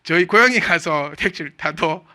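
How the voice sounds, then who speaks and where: A male pastor with a Gyeongsang Korean accent delivers a chatty, humorous sermon, repeatedly asking his congregation questions. His voice is a little high and bright with a pushed quality, moving at a normal speed.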